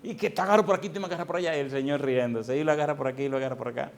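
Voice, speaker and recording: A male pastor preaching a sermon, swinging from hushed tones to loud bursts and firing rhetorical questions at the congregation. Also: a little high, very fast, creaky.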